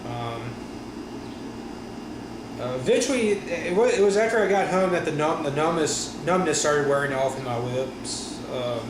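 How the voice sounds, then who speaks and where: A man talking casually in a personal vlog after wisdom teeth surgery, with a sore stiff jaw, halting and often correcting himself. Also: a little high. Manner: halting, rambling, frequent self-corrections. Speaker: vlogger. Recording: roomy echo with steady room noise.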